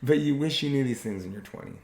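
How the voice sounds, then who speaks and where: A podcast host discussing relationships speaks in a creaky, mid-range voice. His manner is casual yet earnest, slow and careful, and the echoey room carries faint noise.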